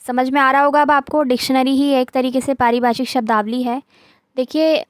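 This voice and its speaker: A woman's voice: sits high, no echo. A woman giving an online exam-prep lesson, reading out word lists and their meanings, often checking in with "theek hai". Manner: reads terms aloud, mixes English words into Hindi. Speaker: teacher.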